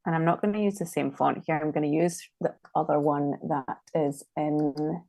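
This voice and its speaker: A woman's voice: sits low, fairly even intonation, moderate pace, darkish tone, dry recording. A woman with a Scottish accent, a designer chatting casually and thinking aloud as she works through a live-stream demo. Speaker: designer guest.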